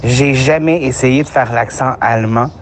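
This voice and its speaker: A man's voice: medium pitch, normal speed, noisy background. A man chatting casually, hesitant and playful. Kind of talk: casual chat.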